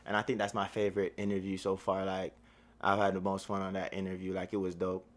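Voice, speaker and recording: A deep-voiced Jamaican man talks fast and in a monotone as a guest in a casual interview. He owns a media platform and speaks in relaxed slang, often saying "you feel me."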